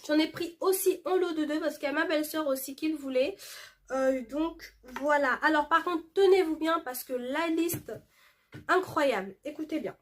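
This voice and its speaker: A woman's voice: sits high, moderate pace. A woman chatting casually to camera in a beauty haul video, reading product labels aloud with lots of fillers. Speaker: beauty vlogger showing a shopping haul.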